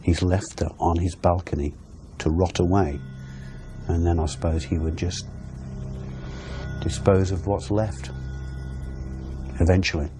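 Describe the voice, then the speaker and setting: A man's voice: sits low, steady tone, measured pace, pauses often, over music. A middle-aged man giving sober answers in an interview. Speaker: interviewee, father of a victim.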